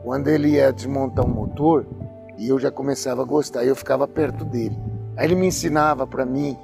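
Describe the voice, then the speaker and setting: A man in his sixties from Brazil, a business owner speaking reflectively in an interview testimony, halting and restarting as he remembers. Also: medium pitch, steady tone, creaky. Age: 60s. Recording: music playing behind.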